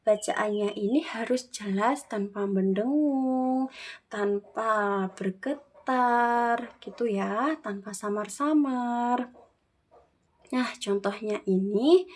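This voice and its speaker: In a classroom equipped with a whiteboard, a young adult woman teaches children Quran recitation, her speech carrying an Indonesian accent. Her pitch is fairly high, and she says phrases slowly and distinctly so the kids can repeat after her.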